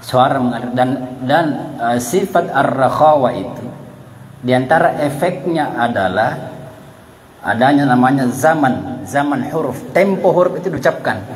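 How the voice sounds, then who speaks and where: A man's voice: mid-range voice, lively intonation, a little slow, slight background noise, rough recording. Indonesian man teaching Quran recitation. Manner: explains patiently, demonstrates letter sounds aloud. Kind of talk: classroom Quran lesson.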